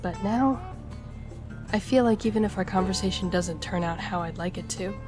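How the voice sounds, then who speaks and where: A woman with a natural, medium-pitched voice plays a charming, flirtatious gambler and stowaway in an intimate audio roleplay. Relaxed and speaking at a moderate pace, she teases the listener conversationally over background music.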